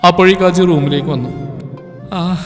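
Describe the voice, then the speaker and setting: A man giving scripted narration of a novel in a steady, measured way. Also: fairly high pitch. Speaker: storyteller. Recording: reverberant with music underneath.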